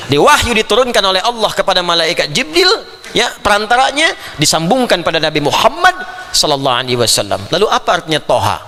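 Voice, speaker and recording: Animated male preacher in a hall. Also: high-pitched, quick pace, slight background noise. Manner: animated, playful asides, mimics foreign phrases. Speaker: Islamic preacher. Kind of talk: Quran commentary lecture.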